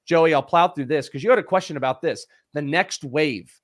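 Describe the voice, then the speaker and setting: A man's voice: fairly high pitch, no room sound. Dry-sounding man talking baseball prospects. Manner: quick, conversational, lists stats in bursts. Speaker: prospect analyst. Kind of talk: live fantasy baseball podcast chat.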